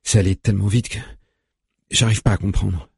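A man voicing a frightened young adult son, speaking in a hushed, shaken way. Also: lowish voice, steady tone, a little fast, vocal fry, slightly rough, dry recording, clean studio sound, pitched above the performer's own voice, full character voice.

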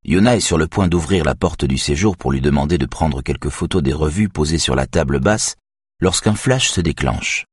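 Brief: low, husky male narrator, steady reading, dry booth sound. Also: normal speed, no room sound. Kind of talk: audiobook narration.

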